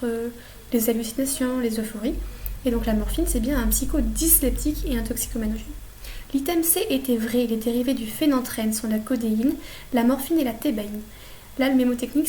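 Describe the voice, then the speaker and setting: Young French woman tutor, steady explaining. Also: on the high side, slight background noise. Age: young adult. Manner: steady, explains with memory tricks. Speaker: student tutor. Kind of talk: exam correction walkthrough.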